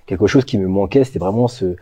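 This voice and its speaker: A man's voice: low-pitched, fast, warm tone, slightly rough, no echo. A man from France giving interview answers as a brand co-founder, speaking thoughtfully and hesitantly with many fillers. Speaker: co-founder of a natural products brand.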